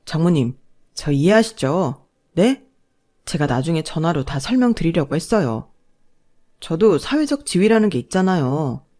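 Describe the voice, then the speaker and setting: A woman's voice: low voice, sing-song, normal speed, mellow. A snobbish son-in-law from an audio story, played by a woman narrator. He talks down to people in a condescending, self-justifying way. His voice stays close to the reader's own, only a little raised. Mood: wheedling. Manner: condescending, wheedling, then scornful. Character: arrogant young husband, snobbish son-in-law.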